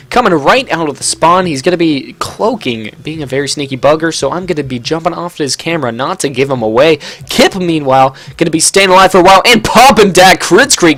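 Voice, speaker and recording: A young man giving jokey, casual play-by-play commentary on an online match, talking quickly and tripping over his words now and then. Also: on the high side, fairly bright tone. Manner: rapid, jokey play-by-play with stumbles. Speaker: game commentator. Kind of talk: casual live game commentary.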